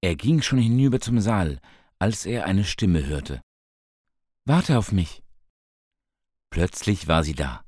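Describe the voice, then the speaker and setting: A man reading a story aloud in a calm, scripted narration, raising his voice for the characters' quoted lines. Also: no room sound, clean studio sound. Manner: calm, slow, lifts pitch for quoted characters.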